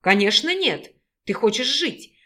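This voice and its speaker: A woman reading an audiobook, voicing a gruff, angry male werewolf who scolds sarcastically, in a fairly high voice. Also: sing-song, measured pace, bright, forceful tone, heavily acted. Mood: sarcastic.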